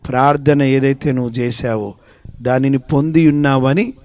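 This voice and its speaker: A man's voice: medium pitch, steady tone, moderate pace, darkish tone. A man with a Telugu accent preaching a sermon, emphatic, repeating phrases and asking his listeners questions. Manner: acts out short prayers and dialogues in his own voice. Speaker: pastor.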